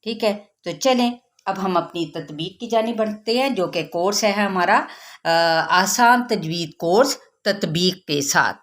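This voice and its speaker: Slow, methodical woman teaching recitation. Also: medium pitch. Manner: explains pronunciation rules step by step, asking and answering her own questions. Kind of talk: tajweed lesson with slow chanted recitation.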